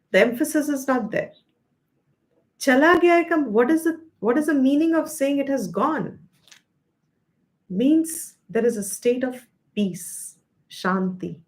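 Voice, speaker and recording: An Indian woman leads a scripture study class in a voice pitched a little above usual. She explains patiently, slowing down to weigh each key term. Hindi phrases slip naturally into her English. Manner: explanatory, slows to stress key terms. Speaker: Vedanta teacher.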